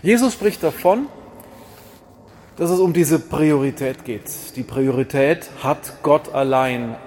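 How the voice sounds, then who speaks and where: A man preaching a sermon in a lively, rhetorical manner, with wry asides and repeated refrains. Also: a little high, slow, slight background noise.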